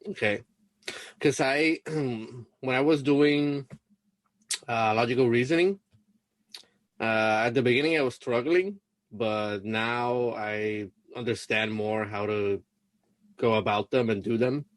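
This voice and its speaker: A young Puerto Rican man, whose first language is Spanish, is an LSAT student being coached on a video call. He speaks hesitantly and slowly at a medium pitch, with long pauses and many fillers. The audio is poor, with no echo.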